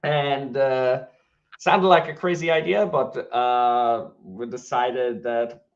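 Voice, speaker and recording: A man from Hungary with a Hungarian accent, a game studio co-founder chatting casually in an interview, relaxed and full of fillers and restarts. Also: mid-range voice, slow, dull audio.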